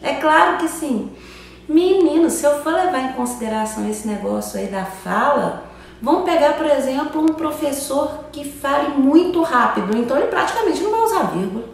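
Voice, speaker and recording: Woman teacher, fairly high voice, chatty video-lesson delivery, echoey room with the mic a little far off. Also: animated, brisk, creaky, slight background noise. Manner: chatty, asks "tá?" after almost every phrase. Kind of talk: online grammar lesson.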